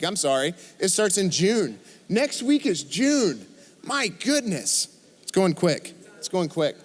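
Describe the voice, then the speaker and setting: A man preaching a youth sermon in a church service, energetic and punctuated with joking asides to the crowd. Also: a little high. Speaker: youth pastor.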